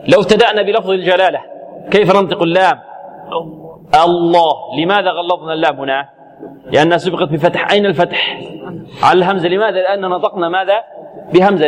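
A man with a fairly high voice teaches recitation in a reverberant hall, firing short questions at his students and answering many of them himself. He stretches out vowels slowly to show how a sound should be made. The long echo of the room hangs behind every phrase. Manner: quizzing, answers his own questions, models pronunciation slowly. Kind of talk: classroom lesson with questions to students.

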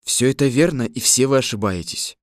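A woman voicing a small, fearful old man posing as a wizard, talking in a soft, trembling voice. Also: rumbling low, expressive, fairly quick, no room sound, clean studio sound, pitched below the performer's own voice. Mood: meek, soft.

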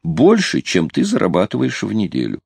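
A man's voice: low-pitched, huge pitch swings, moderate pace, creaky, darkish tone, husky, no room sound, studio quality, full character voice. A man reading an audiobook, voicing a coy, stubborn young woman. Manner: hesitant, teasing.

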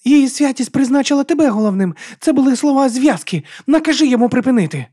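A male audiobook narrator voicing a fierce, desperate young woman, a reluctant princess, who shouts urgent demands. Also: very high voice, lively intonation, quick pace, voice pushed up. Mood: shouting desperately. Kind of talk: audiobook character voice.

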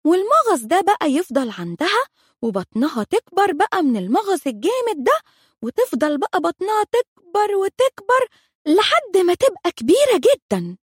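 A woman's voice: extremely high pitch, big pitch swings, moderate pace, no room sound, studio quality, voice pushed up. A woman voicing a confident little girl who explains grown-up things matter-of-factly, with an Egyptian Arabic accent. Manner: self-assured, matter-of-fact.

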